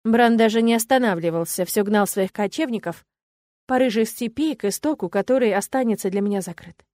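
Expressive woman reading a novel. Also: mid-range voice, a little fast, no echo, clean studio sound. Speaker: audiobook narrator. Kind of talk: first-person novel narration.

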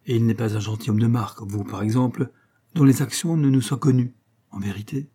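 A man voicing a sly, coquettish noblewoman in a storybook reading, asking arch, teasing questions in a darkish, husky voice. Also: medium pitch, fairly even intonation, fairly quick, warm tone, lightly acted.

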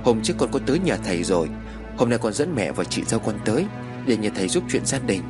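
A man's voice: lowish voice, big pitch swings, fast talker, over music. A man voicing a determined young widow who insists and pleads in a storybook tale. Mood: polite pleading.

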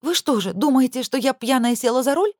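An audiobook narrator voicing an excitable young woman lawyer who keeps protesting defensively. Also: medium pitch, normal speed, slightly rough, dry recording, clean studio sound, voice pushed up. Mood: indignant, flustered.

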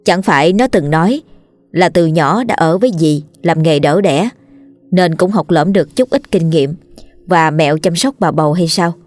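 Woman narrating a horror tale, low-pitched. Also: normal speed, darkish tone, no echo. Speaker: storyteller. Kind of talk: scripted horror story narration.

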